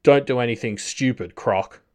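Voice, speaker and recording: A man voicing an arrogant male captor who talks with cool, unhurried disdain. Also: mid-range voice, expressive, lightly acted. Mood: dismissive.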